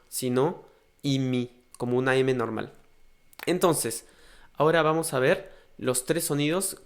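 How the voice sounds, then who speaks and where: A man with a mid-range voice, teaching pronunciation in a patient, step-by-step way. He pauses to sound out examples as he explains them. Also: mid-range voice. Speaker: language teacher.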